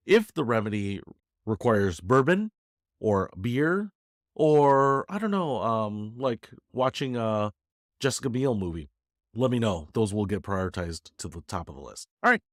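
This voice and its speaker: A man's voice: medium pitch, dry recording, clean studio sound. A man congested from a head cold, giving a casual, rambling update to viewers in a joking, self-deprecating way. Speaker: YouTuber giving a channel update.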